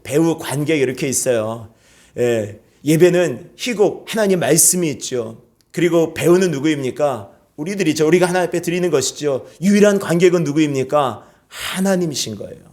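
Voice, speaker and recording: A man preaching a sermon to a church congregation, lively and calling out praise examples. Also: fairly high pitch. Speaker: pastor. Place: church sanctuary.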